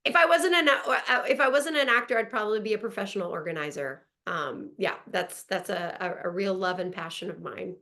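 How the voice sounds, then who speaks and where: This woman's bright, forceful voice sits at medium pitch, and she speaks a little fast with hardly any pauses. A French-first actress from Montreal, she's an upbeat guest in a casual interview chat on a video call from her home in Los Angeles, laughing frequently.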